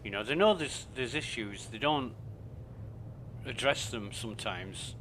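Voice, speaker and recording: A man's voice: medium pitch, lively intonation, a little slow, fairly bright tone, a little hiss or hum. A male streamer grumbling and swearing to himself while giving casual commentary on his gameplay. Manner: talks to himself while playing. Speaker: game streamer.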